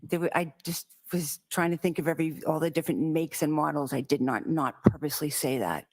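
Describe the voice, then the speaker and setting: A middle-aged woman answers questions on the witness stand, her replies brief and hesitant. Her voice is very low with a gravelly fry. It is heard as a courtroom recording. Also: fairly quick. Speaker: trial witness. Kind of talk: witness testimony.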